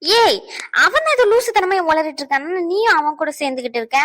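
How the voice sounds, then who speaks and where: A woman's voice: very high-pitched, big pitch swings, a little fast, fairly bright tone, full character voice. A woman voicing an irritated young woman in a cartoon who scolds her teasing friends. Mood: defensive. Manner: scolding, exasperated. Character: irritated young woman, sharp-tongued, easily annoyed. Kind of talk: cartoon voice acting.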